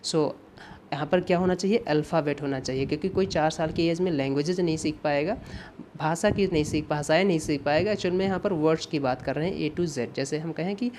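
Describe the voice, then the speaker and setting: Slow, deliberate readings of English example sentences anchor this man's exam-prep grammar lesson, delivered patiently with plenty of repetition and check-ins like "ठीक है" and "है ना". His voice is a little high and darkish, with a bit of hiss or hum on the recording.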